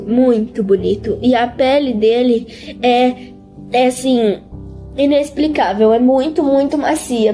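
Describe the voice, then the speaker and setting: High-voiced teenage girl, halting and earnest. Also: mellow. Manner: earnest, halting, repeats words over and over. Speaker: interviewee. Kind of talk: emotional testimony.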